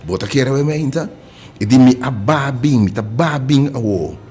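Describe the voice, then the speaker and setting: A man's voice: medium pitch, normal speed, darkish tone, soft background music. A man preaching a radio sermon, fervent and repetitive, rising to cries.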